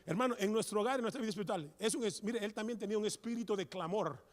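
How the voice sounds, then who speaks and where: A man preaches with fervor, his high voice climbing into shouts as he calls out to his brothers again and again. The sound carries a long reverb from a church hall. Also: very fast. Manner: fervent, repeats "hermano" constantly, rises to shouts. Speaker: preacher at a men's church meeting. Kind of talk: sermon.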